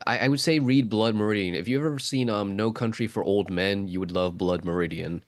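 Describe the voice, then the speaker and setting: A man training as a voice actor speaks on a casual video call with a deep, low voice. He sounds earnest and sometimes stops to search for his words. The sound is dry and close. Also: a little fast, no room sound.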